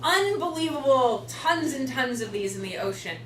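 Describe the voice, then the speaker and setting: A woman's voice: high voice, lively intonation, moderate pace, a bit bright. A woman with a Chicago accent teaching a class, chatty and joking, with many fillers. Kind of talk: classroom lecture. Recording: roomy classroom from far off with noise.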